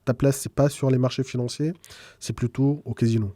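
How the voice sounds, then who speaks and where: A man's voice: mid-range voice, fairly even intonation, a little fast, dark tone, no room sound, studio quality. A man from France, a guest in a casual interview, explaining things through examples with frequent restarts. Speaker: guest trader.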